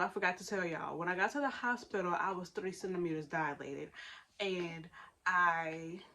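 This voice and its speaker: A woman's voice: on the low side, bright, forceful tone. A young woman, telling a personal story in a casual, chatty way and now and then breaking off to tend her baby. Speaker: vlogger.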